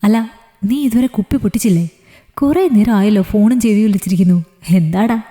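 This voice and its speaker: A woman's voice: medium pitch, brisk, warm tone, natural voice. A woman storyteller voicing a young man who coaxes and mocks his friend. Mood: coaxing. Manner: coaxing, mocking. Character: young man, pushy mocking drinking buddy. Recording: reverberant echoey room.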